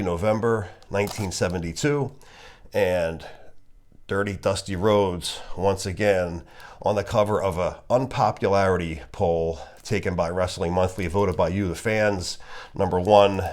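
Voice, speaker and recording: With a broken nose and slightly off breathing, a man shows off a collection of magazines, offering unscripted, halting commentary. His voice is low and darkish in tone.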